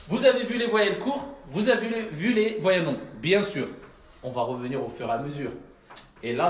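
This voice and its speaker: A male Arabic teacher gives a classroom lesson, patiently repeating himself and often checking that his students have understood. His voice sits high, and the room is echoey with slight background noise.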